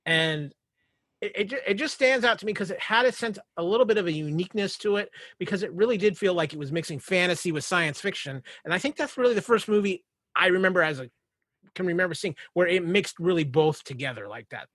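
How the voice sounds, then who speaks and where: A man's voice: sits high, animated, fast talker, fairly bright tone, no echo. A man who joins a podcast as a guest and chats in a jokey, rambling way. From United States. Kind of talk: casual podcast chat.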